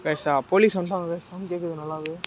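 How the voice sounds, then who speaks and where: A man's voice: on the high side, steady tone, fast talker, noisy background. A man vlogging a night-time ghost hunt, tense and fearful, calling out to unseen spirits as he films. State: nervous and jittery.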